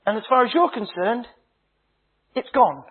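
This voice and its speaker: A man, a minister, preaching a sermon with a husky voice, slow emphatic phrases that drop to a hush, and humorous stories. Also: very high voice, expressive. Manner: dramatic preaching, slow emphatic phrases dropping to hushed tones; humorous storytelling. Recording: tinny phone-like sound.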